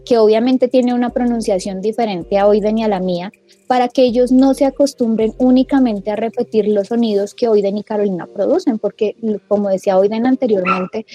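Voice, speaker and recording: A woman with a fairly high, mellow voice, guesting on a radio interview. She explains pronunciation in a patient, teacherly way and sounds out example words as she goes. Soft music plays faintly underneath her. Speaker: language school co-founder, radio guest.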